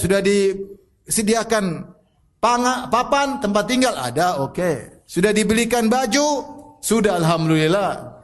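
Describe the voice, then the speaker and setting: A middle-aged man preaching a sermon, pressing the listener with repeated rhetorical questions and telling personal stories with a soft laugh. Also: sits high. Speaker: Islamic preacher.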